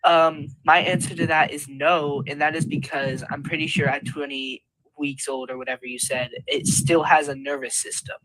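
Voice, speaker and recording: A man's voice: fairly high pitch, little pitch movement, moderate pace, bright, forceful tone, low-quality recording. A man calling into an online debate, earnest and hedging with filler words as he argues. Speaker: debate caller.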